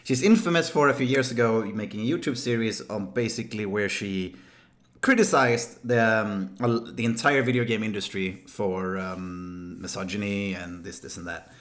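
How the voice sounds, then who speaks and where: A man's voice: on the low side, moderate pace, fairly bright tone. A young man hosting a casual podcast, laughing at his co-host and cutting in with exasperated, profane exclamations before explaining context.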